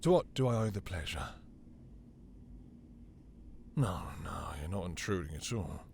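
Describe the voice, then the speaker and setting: In an intimate audio roleplay, a man plays a possessive, domineering vampire master, delivering his lines slowly, teasingly and silkily in a breathy, gravelly murmur. His low-pitched voice is animated and darkish, flirtatious yet courteous. A little hiss or hum runs underneath.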